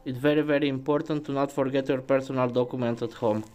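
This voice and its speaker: A man who drives trucks for a living narrates a scripted voice-over, listing item after item in a plain, steady way. His pitch sits in the ordinary middle range for a man. Soft music plays faintly behind him. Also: quick pace, poor audio.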